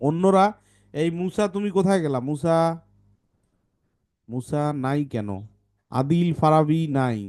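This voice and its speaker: A man's voice: medium pitch, dark tone. A man teaching English phonics to a children's class, patiently correcting pronunciation sound by sound.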